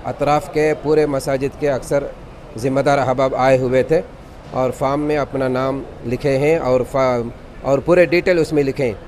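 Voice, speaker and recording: An imam and khatib from Karnataka, India, gives a formal, devout statement to a news camera. His mid-range voice is steady and a little mellow at a normal speed, with slight background noise.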